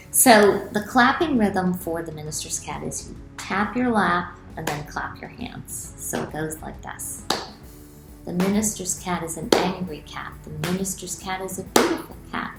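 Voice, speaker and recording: A middle-aged woman with a low-leaning voice reads to children and explains things with lots of expression, clearly speaking to them. She's a children's author in a small room at home, and the sound is reverberant.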